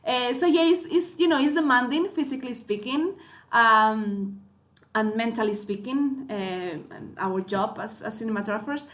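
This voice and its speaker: A cinematographer with a Spanish accent chats casually as a guest on a panel, speaking in a fairly high-pitched, fairly bright voice at a moderate pace. She sounds hesitant, with many fillers and restarts.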